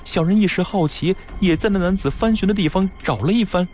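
A man voicing a frightened male servant, pleading his innocence in a higher, strained voice. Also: fairly quick, a little mellow, soft background music, close to an everyday voice. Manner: pleading, frantic, humble.

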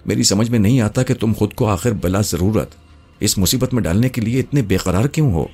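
A man's voice: lowish voice, mellow, husky, soft background music, voice pushed up. A male narrator voicing a young, wealthy, affectionate woman who pleads emotionally in a storybook reading. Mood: pleading.

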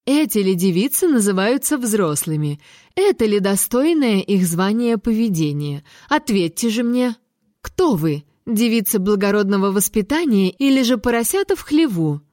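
Brief: woman playing a pompous baroness mother, slow and overwrought, scolding. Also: mid-range voice, lively intonation, dark tone, no echo, studio quality, close to an everyday voice. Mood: indignant. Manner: melodramatic, slow and declamatory. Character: middle-aged baroness mother, theatrical, scolding.

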